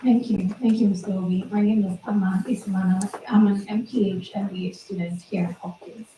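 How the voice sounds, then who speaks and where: Mellow young woman from Ghana, echoey hall. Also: medium pitch, steady tone, brisk. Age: young adult. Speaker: graduate student asking a question. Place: large lecture hall. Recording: echoey hall, far mic, faint hum.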